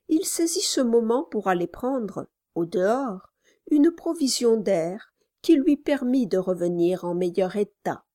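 This is scripted audiobook narration by a woman with a mid-range voice, delivered in a calm, steady storytelling manner. There's no room sound, and the studio audio is clean.

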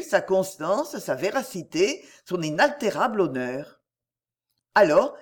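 A woman narrating a classic novel aloud in an expressive, measured reading. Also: medium pitch. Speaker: audiobook narrator.

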